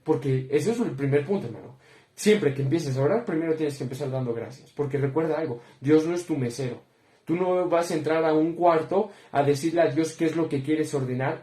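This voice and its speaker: A man's voice: a little high, mellow. A young man giving a devotional Bible teaching, earnest, often addressing listeners as brothers. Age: young adult. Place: room with bookshelves behind him. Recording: roomy echo.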